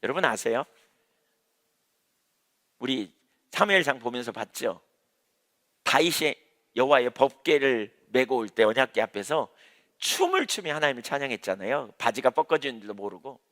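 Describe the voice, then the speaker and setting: Bright-voiced pastor preaching in a reverberant hall. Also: male voice, medium pitch, big pitch swings, moderate pace, long pauses. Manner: emphatic, repeats key phrases, asks the congregation rhetorical questions. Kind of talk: sermon. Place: church, evening prayer service.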